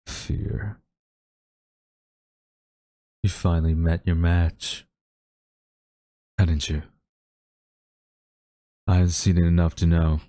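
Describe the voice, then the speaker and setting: Speaking to a former friend now his captive, this man plays a haughty, wistful government agent with smug, theatrical deliberation. The low, warm character voice sounds full and menacing, and the recording is dry.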